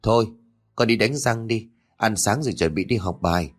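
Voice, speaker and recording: A man's voice: lowish voice, moderate pace, soft background music, lightly acted. Man voicing a weary pleading young mother. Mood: stern. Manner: pleading, reasoning.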